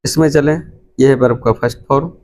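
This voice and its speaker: A man's voice: medium pitch, steady tone, fast, a little mellow, a little hiss or hum. A middle-aged man with an Indian Hindi accent, teaching English pronunciation and repeating each word several times. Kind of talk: pronunciation lesson.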